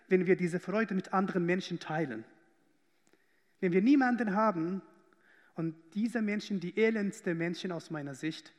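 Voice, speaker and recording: Male pastor from Iran, high voice, earnest conversational sermon, church hall reverb. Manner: earnest, conversational preaching with hesitations.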